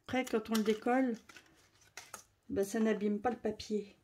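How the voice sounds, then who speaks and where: Woman craft demonstrator, high-ish voice, chatty talk-through, faint background hiss. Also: steady tone, normal speed, warm tone. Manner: chatty, explaining while working. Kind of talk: crafting tutorial.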